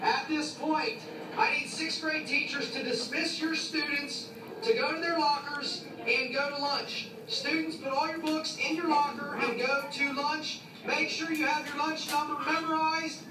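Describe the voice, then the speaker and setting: A woman making a brisk, businesslike public address announcement, heard over a school intercom loudspeaker in a classroom. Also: high voice, steady tone. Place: classroom, heard through a wall speaker. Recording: echoey, distant, noisy classroom.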